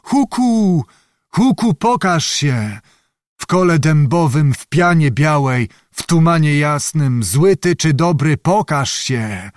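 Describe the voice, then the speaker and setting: A man's voice: fairly high pitch, animated, unhurried, no echo, studio quality, pitched above the performer's own voice. A man voicing a fierce young Cossack witch, wild and coarse, in a raised chanting voice for an audiobook. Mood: chanting, ecstatic. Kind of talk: audiobook reading.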